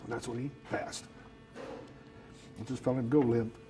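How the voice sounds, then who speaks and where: A man, telling his story in an interview in a halting, soft-spoken way, filling his talk with "you know.". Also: mid-range voice, flat delivery, music in the background, low-quality recording. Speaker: actor who works as Santa, telling his story.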